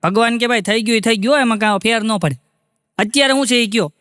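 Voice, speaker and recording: A man telling jokes on stage with quick, punchy delivery and mock quotes. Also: extremely high pitch, fairly bright tone, clean tone, no room sound, studio quality, long reverb tail. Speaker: stand-up comedian. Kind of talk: Gujarati joke telling.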